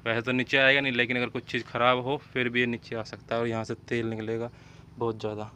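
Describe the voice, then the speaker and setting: A man's voice: mid-range voice, little pitch movement, quick pace, pushed and bright, a little hiss or hum. A man, an excavator mechanic, explains a hydraulic repair step by step at an outdoor worksite and calls short commands to a helper. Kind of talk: hands-on repair demonstration.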